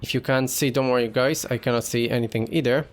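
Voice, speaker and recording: A man's voice: medium pitch, fairly even intonation, fast. A man giving casual gameplay commentary as a let's player, talking himself through the game and reading in-game text aloud.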